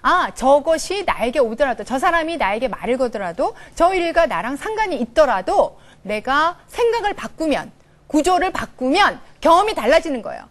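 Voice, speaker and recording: Animated woman giving a coaching lecture. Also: sits high, moderate pace. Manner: animated, acts out little dialogues in changing voices. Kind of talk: televised lecture. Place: studio with a live audience.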